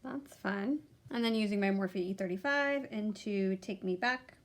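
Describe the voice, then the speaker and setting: A woman's voice: medium pitch, a little slow. A young adult woman narrating a makeup tutorial, chatty as she talks through each step of her look. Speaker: beauty vlogger.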